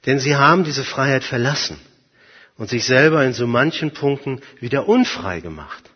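A man preaching a sermon, emphatic, swinging from soft, quiet passages to loud ones. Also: medium pitch, animated, normal speed, breathy edge. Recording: dull sound, long hall reverb.

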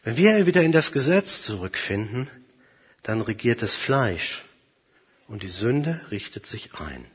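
A man preaching a sermon, emphatic, swinging from soft, quiet passages to loud ones. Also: mid-range voice, big pitch swings, measured pace, breathy edge. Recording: dull sound, long hall reverb.

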